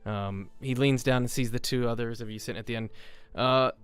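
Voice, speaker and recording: Guy running a tabletop game over a call, hesitant, lots of ums, smooth voice. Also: medium pitch, fairly even intonation, a little fast, soft background music. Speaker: game master.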